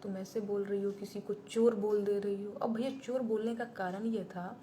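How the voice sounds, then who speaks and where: A woman's voice: medium pitch, fairly even intonation, moderate pace, dark tone. A woman singer-songwriter talking bluntly and indignantly to her viewers on a live stream. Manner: blunt and indignant, plain-spoken.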